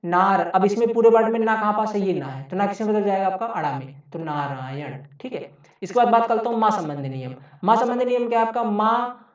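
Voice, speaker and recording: A man's voice: high voice, quick pace. A male teacher giving an exam-prep grammar lecture, explaining step by step and repeating each point back as a question to the class. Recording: very echoey room, voice far from mic, dull lo-fi sound.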